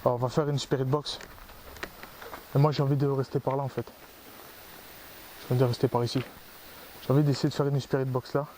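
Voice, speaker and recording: A man's voice: mid-range voice, flat delivery, fairly quick, long pauses, a little mellow, slight background noise. Rambling man in a forest. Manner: rambling, explains his gear at length. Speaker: paranormal investigator, channel host. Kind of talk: casual on-location commentary. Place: forest outdoors at night.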